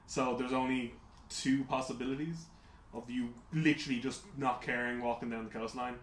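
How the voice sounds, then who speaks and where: A man co-hosting a casual gaming podcast, telling rambling, animated stories full of "like"s. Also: medium pitch, normal speed. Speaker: podcast co-host. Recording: roomy with faint hiss.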